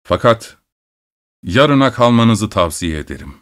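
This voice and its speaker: Casting: a man playing a measured, reserved gentleman, low voice. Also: very animated. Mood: calm.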